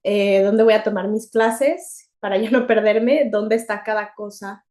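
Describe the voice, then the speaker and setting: A young woman with a Mexican accent, co-hosting a podcast in a chatty, animated way and laughing often. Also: mid-range voice, a little slow. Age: young adult. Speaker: podcast co-host. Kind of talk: casual chat.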